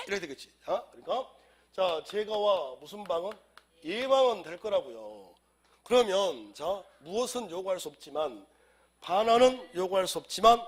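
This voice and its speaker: A man's voice: high-pitched, slightly rough. A man lecturing on civil law for an exam class, who has a cold, drilling students in call-and-response and firing rhetorical questions.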